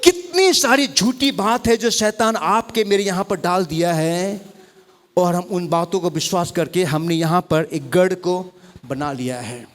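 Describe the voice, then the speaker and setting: A middle-aged pastor preaches with fervour in a church hall, his voice set very high for a man. He slips into English with an Indian accent and has his listeners repeat key words after him. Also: measured pace. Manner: preaching fervently, calling on the congregation to repeat words. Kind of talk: sermon.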